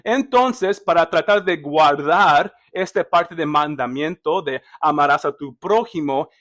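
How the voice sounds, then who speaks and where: Male preacher, high voice, slow and hesitant, questions the congregation. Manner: conversational, asks the congregation questions; hesitant, many fillers and restarts. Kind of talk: sermon.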